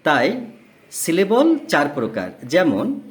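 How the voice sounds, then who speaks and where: Male tutor, slow delivery, animated pitch, patient, repeats and splits words. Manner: patient, repeats words and spells them out in parts. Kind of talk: slow, explanatory classroom lesson.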